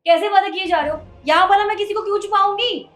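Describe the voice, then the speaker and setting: A woman's voice: very high voice, fast, fairly bright tone. A woman playing a defiant cheating wife. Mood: evasive. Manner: defensive, dismissive. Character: wife Shikha, defiant and caught hiding a lover. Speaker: actor in a short film. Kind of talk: melodramatic short-film acting.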